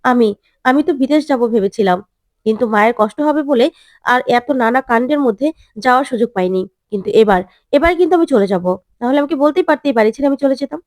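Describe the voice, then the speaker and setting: Woman reading upset young girl from a serial, snappy and high, stumbles over words. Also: expressive, a little mellow, no echo, studio quality, close to an everyday voice. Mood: indignant. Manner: indignant, halting restarts.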